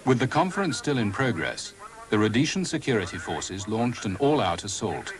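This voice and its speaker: A man's voice: on the low side, sing-song, normal speed. Grave man narrating a documentary. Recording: noisy 1980s broadcast audio.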